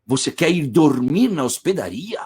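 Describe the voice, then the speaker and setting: A man's voice: a little high, big pitch swings, moderate pace, darkish tone, slightly rough, voice pushed up, exaggerated voice. A man voicing an insistent, hospitable woman who presses her guest to stay the night.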